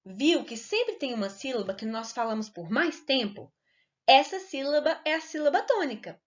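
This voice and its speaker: A woman teaches children in a recorded lesson, her voice sitting high and sounding lively and sing-song. She speaks slowly and clearly, stretching words to stress their syllables. The recording is dull and lo-fi.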